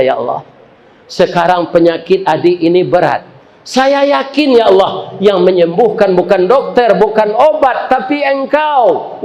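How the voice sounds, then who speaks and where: A Minangkabau-accented man voicing a gentle, grateful male hospital director who speaks tenderly and solemnly in a sermon story. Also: sits high, lo-fi sound.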